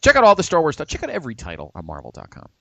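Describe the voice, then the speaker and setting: A man hosts a casual podcast chat, his voice swinging up and down with lively energy. He sounds enthusiastic as he plugs comics and shows. The sound is dry and close. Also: fairly high pitch, rapid-fire, vocal fry, no room sound. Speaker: podcast host.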